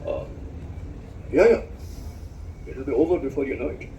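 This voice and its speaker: A middle-aged man speaking at a book discussion, reflective and searching for words, with dry self-deprecating humor and sharp rises in pitch for emphasis. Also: lively intonation, moderate pace, slight background noise. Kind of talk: spoken lecture at a book discussion. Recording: roomy hall sound from a distant mic.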